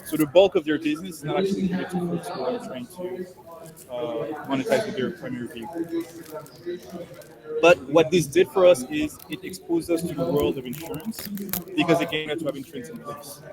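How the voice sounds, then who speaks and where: A man, a startup founder giving a measured conference presentation over a video call. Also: a little high, a crowd in the background, rough recording. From Haiti. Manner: measured, walks through points in order.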